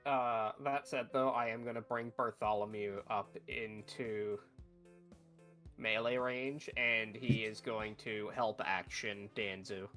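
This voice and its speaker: Casual male player, halting delivery, faint music underneath. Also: fairly low pitch, fairly even intonation, sharp tone. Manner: hesitant, full of ums and restarts. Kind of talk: casual tabletop chat.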